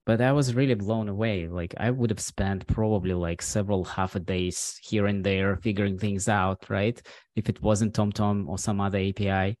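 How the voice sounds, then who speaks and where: A man hosting a podcast and asking questions over a video call, measured and searching for words. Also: fairly low pitch, steady tone, darkish tone, dry recording. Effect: heard over a video call. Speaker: podcast host. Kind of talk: interview questions.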